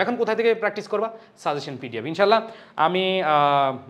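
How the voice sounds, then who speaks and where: A young man with a Bangladeshi accent and a fairly high voice runs an online exam-prep English lesson. He keeps asking the students questions, then answers them himself with firm emphasis. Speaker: English teacher.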